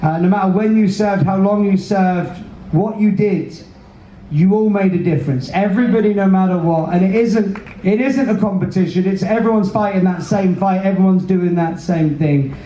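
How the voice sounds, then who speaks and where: A British man hosts from a theater stage as a cruise director, speaking with emotive, earnest emphasis. His voice sits high for a man and has a soft, mellow tone. It comes through a roomy PA, picked up from far back in the hall. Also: normal speed, muffled recording. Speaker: cruise director hosting a veterans' event. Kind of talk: live stage address to an audience. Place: large indoor theater stage. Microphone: handheld mic, filmed from the audience. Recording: roomy theater PA heard from afar, faint noise.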